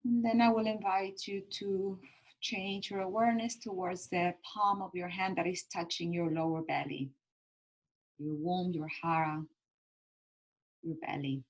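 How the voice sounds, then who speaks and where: A woman meditation guide speaks in a slightly low voice at a very slow pace. She leads a calm grounding exercise with gentle, soothing instructions. Her short phrases are set apart by pauses. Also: low-quality recording.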